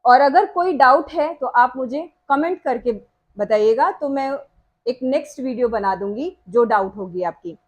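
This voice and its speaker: A woman's voice: high voice, expressive, normal speed. A woman teaching a grammar lesson, asking questions and answering them herself, repeating each example word.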